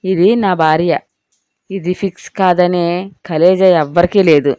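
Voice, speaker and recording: A hot-headed young husband , as a woman narrator puts him on, speaks defiantly and boastfully. The voice is lowish, smooth and crisp. It is a scene from an audio drama. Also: fairly even intonation, unhurried, mellow, no echo, muffled recording, lightly acted. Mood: angry.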